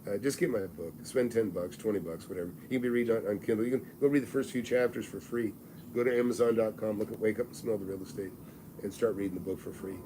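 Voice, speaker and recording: Speaking fast with a steady tone, this low-voiced real estate mentor in his sixties sells his mentorship on a live advice stream he hosts. His manner is blunt, folksy and salesy, with lots of restarts, and background noise can be heard.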